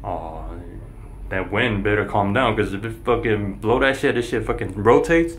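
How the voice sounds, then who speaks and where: A man's voice: on the low side, moderate pace, echoey room. A nervous man vlogging on his phone in a mountain cable car, swearing often and talking himself through his fear of heights. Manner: drops to a hushed whisper at times. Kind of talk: casual vlog commentary. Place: outdoors in a gondola cable car high over mountains. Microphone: handheld phone. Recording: phone recording with wind and vehicle noise. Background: wind whistling and cable car hum.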